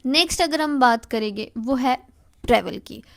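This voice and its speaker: A woman's voice: a little high, animated, normal speed, creaky. A woman giving earnest motivational advice straight to the listener, repeating phrases for emphasis and mixing in English words. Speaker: motivational speaker. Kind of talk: motivational talk to camera.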